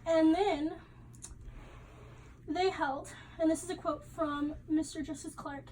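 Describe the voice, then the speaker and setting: A young woman with a high voice presents her class project in a loose, chatty way. She talks casually, with fillers along the way. There is a faint hiss of noise behind her. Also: steady tone, slow pace, darkish tone, rough recording. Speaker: student presenter.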